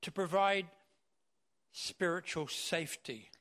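A man preaching a sermon in short phrases, pausing so an interpreter can translate. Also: sits high, sharp tone.

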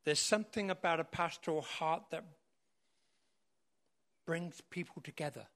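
Preacher speaking in short phrases. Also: male voice, on the high side, unhurried, fairly bright tone. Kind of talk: sermon with interpreter.

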